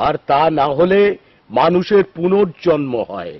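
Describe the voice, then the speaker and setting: A man's voice: on the high side, sing-song, measured pace. An actor playing a wild, fervent ascetic holy man in a devotional film, blunt with his followers and crying out to the divine Mother. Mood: gruff, preaching. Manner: gruff and blunt with followers, pleading cries to the Mother. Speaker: wandering ascetic saint. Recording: dull lo-fi film soundtrack with music.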